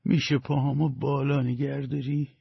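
A man voicing a bedridden, dying older man, bitter and weary, in a gravelly, husky voice. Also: medium pitch, level tone, no room sound. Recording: dull lo-fi dry recording.

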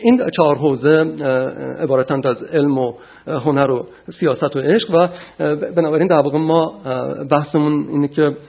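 A man giving an academic philosophy lecture, measured and often pausing to gather his thoughts. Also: a little high, fairly even intonation, gravelly, dull audio. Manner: measured, frequent hesitations.

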